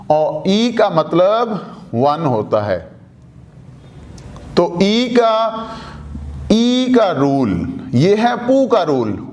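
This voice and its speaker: A male teacher explains language rules in a high, unhurried voice. He poses a question to his class, then answers it himself, repeating each example word slowly and mixing in English terms. His first language is Urdu. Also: a little mellow.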